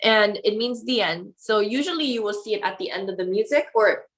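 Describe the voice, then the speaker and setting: A woman's voice: mid-range voice, a little fast, a bit bright. A woman piano teacher giving a music theory lesson to her students, explaining patiently and checking in often with "okay?" and "right?".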